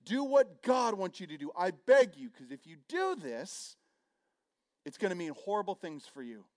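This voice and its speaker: A frantic young man pleads with a crowd, urgent and insistent, as a preacher acts him out. His voice climbs high and swings wildly as he begs. It is raised, desperate shouting. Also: expressive, quick pace, dry recording, studio quality, natural voice. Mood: pleading. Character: young man screaming a desperate warning from a hilltop.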